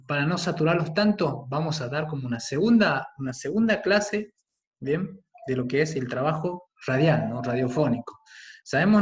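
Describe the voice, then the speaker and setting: A man teaching a class on radio production, speaking slowly and deliberately and often checking in with his listeners. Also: a little high. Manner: patient, with frequent "¿sí?" and "¿bien?" checks; slow and deliberate on key words, with some fillers.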